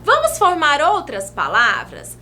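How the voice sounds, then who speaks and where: A woman from Brazil gives a video lesson to young children. Her high, lively voice swings widely in pitch, and she talks slowly, drawing out each word. A faint hum sits under the recording. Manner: slow, sing-song teacher talk, stretching words as she writes. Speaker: teacher.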